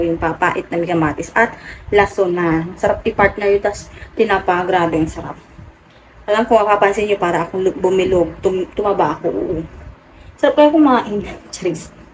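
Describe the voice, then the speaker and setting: A woman from the Philippines chatting casually to her vlog viewers, telling stories with frequent laughs, her voice jumping up high when she gets excited. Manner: animated storytelling, laughs often, voice jumps high when excited. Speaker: vlogger. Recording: noisy home room with electric fan.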